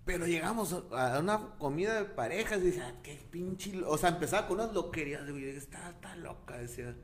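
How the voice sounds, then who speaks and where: A man with a Mexican Spanish accent in a casual chat, relaxed and slangy, often cutting in. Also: fairly high pitch, fast talker, slight background noise.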